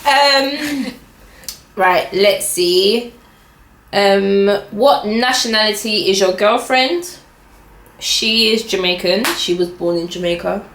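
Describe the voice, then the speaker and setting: A young woman chats animatedly, laughing often and packing her talk with "like". Her voice sits at a middling pitch. The recording carries a roomy echo. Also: takes it slowly, a bit bright, a little hiss or hum. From England. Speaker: vlogger. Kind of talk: casual chat.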